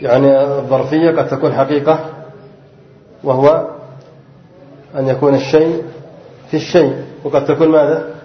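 A male grammar teacher lectures in a reverberant room, his voice slightly raised in pitch. He reads a text aloud, stops to ask his students questions and answers them himself, repeating the main points. The recording is muffled and lo-fi. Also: fairly even intonation, normal speed, long pauses. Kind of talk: classroom lecture, reading and explaining a text.

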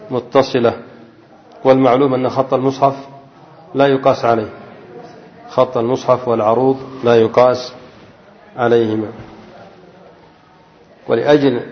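A man teaches grammar in a lecture hall with a long reverb tail, recorded in dull, lo-fi sound. He talks at a moderate middle pitch, prompts the class with questions, and slows right down to read quoted text. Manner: quizzes listeners with prompting questions, then answers himself.

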